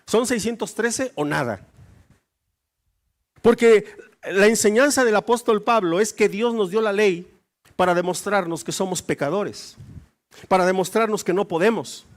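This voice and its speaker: A man's voice: high voice, normal speed. A male pastor preaching a sermon, acting out little dialogues with shifting voices.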